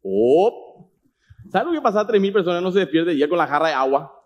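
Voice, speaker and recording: A man preaching a sermon as a pastor. He tells a Bible story in a lively way, acts out the dialogue, and keeps asking the congregation questions. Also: high-pitched, rapid-fire, muffled recording. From Paraguay.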